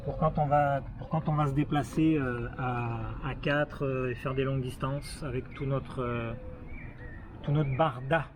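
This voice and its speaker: Unhurried and medium-pitched, with fairly even intonation, a thirtysomething Québécois-accented travel vlogger casually walks through a new car's features. He hesitates a lot, using fillers and restarting sentences, while vehicle noise and outdoor sounds surround him.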